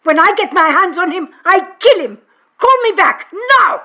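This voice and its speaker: An actress playing a furious woman hunting a missing man, shouting threats in a voicemail played over a phone. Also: very high voice, lively intonation, moderate pace, full character voice. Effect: voicemail message played over a phone.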